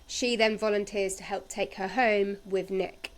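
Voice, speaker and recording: A woman hosting a podcast, retelling soap episodes in a casual, chatty way with animated storytelling. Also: mid-range voice, unhurried. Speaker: podcast host recapping a soap. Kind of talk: casual chat.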